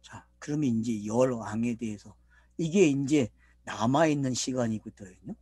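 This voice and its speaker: A man's voice: breathy edge, no room sound. A middle-aged man, a pastor, preaching a sermon and often asking the congregation questions. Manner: preaching, asking the congregation questions, with big swings in pitch and loudness.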